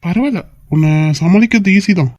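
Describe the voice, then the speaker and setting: A woman's voice: medium pitch, lively intonation, a little fast, darkish tone, no room sound, close to an everyday voice. A woman voicing a young husband in a cartoon skit, coaxing, apologetic and playful with his wife. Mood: teasing. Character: young husband, pleading and teasing.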